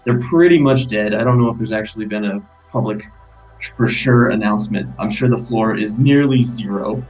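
Man, podcast chat, reflective, wry, unhurried, faint music. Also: on the low side, a little mellow, low-quality recording. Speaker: podcast co-host.

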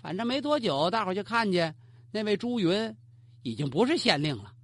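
A storyteller telling a historical tale in the traditional Chinese style, lively and colloquial, turning to address the listener. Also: medium pitch, brisk, dry recording. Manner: animated, colloquial, asides to the listener.

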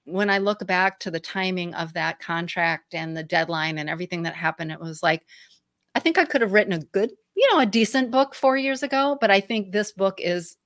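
A lowish-voiced woman talks in a twangy American Midwestern accent, recorded close and dry. She is a guest in a casual interview, speaking informally and with expressive emphasis. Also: brisk, dry recording. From Michigan, US. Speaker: guest, author.

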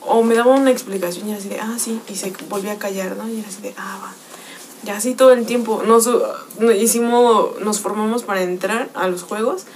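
A young woman with a Mexican accent, chatting casually on a podcast and telling an anecdote full of slang, often laughing and quoting others in a lowered voice. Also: fairly even intonation, quick pace, few pauses, darkish tone, a little hiss or hum. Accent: Mexican Spanish. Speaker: podcast co-host. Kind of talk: casual chat, storytelling.

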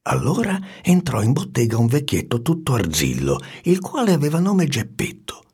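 A man with a raspy, gravelly voice reading a storybook aloud in an expressive, animated way. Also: medium pitch, moderate pace. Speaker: narrator.

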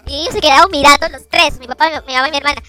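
A woman's voice: sits high, very fast, sharp tone. A young woman telling rambling, self-correcting stories in a casual chat with friends. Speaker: storyteller in a group chat. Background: background music.

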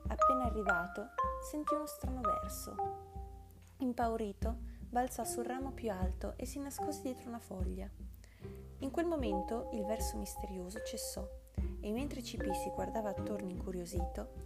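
A woman narrating a children's story in a measured, expressive way over loud background music. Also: on the high side.

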